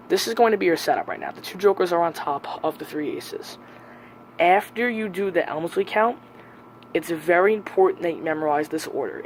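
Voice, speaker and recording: A man's voice: on the high side, a little hiss or hum, rough recording. A man giving a casual step-by-step tutorial as a presenter, repeating key points for emphasis.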